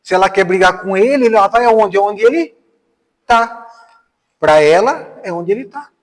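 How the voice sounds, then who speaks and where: In a reverberant spiritist center hall, a Brazilian man with a high, expressive, unhurried voice gives a spiritist lecture. Speaking with a Brazilian Portuguese accent, he shares personal stories conversationally and poses rhetorical questions to the audience.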